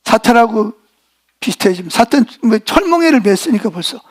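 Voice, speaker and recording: Male pastor, animated sermon delivery, asks the congregation rhetorical questions; very high-pitched for a man. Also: brisk.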